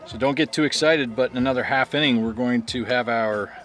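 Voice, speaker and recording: A man doing play-by-play for a high school baseball game, chatty and self-deprecating as he jokes with his co-host. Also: brisk, fairly bright tone. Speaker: play-by-play announcer.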